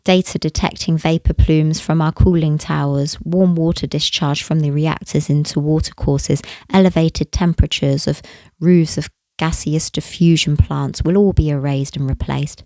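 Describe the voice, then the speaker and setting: A woman's voice: deep voice, steady tone, moderate pace, darkish tone, dry recording. A woman voicing a frail, nervous male scientist who explains in an earnest, hesitant way.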